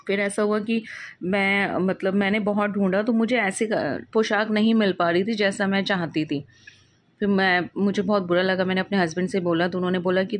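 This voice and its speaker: A woman casually telling a personal devotional experience in a meandering way, often restarting and correcting herself. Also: mid-range voice.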